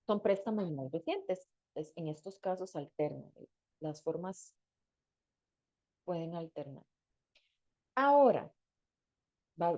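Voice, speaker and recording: A woman's voice: on the low side, mellow, lo-fi sound. A woman teaching a grammar class, explaining step by step and repeating each example word. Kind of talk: recorded lecture.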